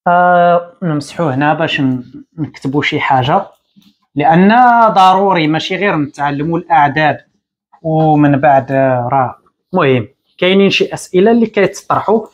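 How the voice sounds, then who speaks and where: A man in his thirties with a Moroccan Arabic accent, teaching English at a whiteboard and repeating each word slowly. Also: a little high. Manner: explains slowly, repeating words and drawing them out. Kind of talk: whiteboard lesson. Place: small room indoors at a whiteboard.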